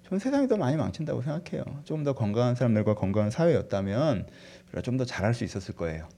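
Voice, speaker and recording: A man preaching a sermon, asking the congregation questions and swinging from loud fervent peaks to quiet, soft passages. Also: medium pitch, sing-song, very fast. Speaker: pastor.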